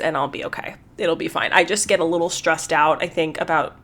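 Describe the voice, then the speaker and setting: A woman hosting her own podcast in casual solo talk, a little congested, chatty and repeating words as she thinks. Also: on the low side. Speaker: podcast host.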